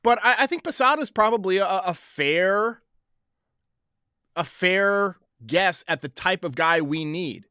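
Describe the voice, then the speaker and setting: Man, sports podcast host, forceful bright voice, dry close sound, opinionated casual commentary. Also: high voice, lively intonation, measured pace, smooth, dry recording.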